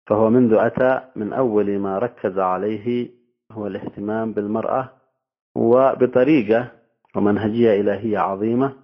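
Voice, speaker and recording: A man giving a formal religious lecture to an audience, speaking in measured phrases with pauses. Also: lowish voice, gravelly. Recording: tinny phone-like audio.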